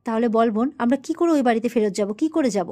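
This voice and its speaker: A woman's voice: fairly high pitch, expressive, fast talker, lightly acted. A woman reading the lines of a caring older brother comforting his sister. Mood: gentle. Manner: gentle, coaxing.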